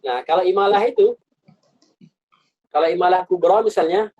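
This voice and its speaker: Man, slightly high voice, patient teacher, repeats points, rhetorical questions, video call. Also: normal speed, darkish tone, muffled recording. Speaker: Quran recitation teacher. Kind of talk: online class explanation.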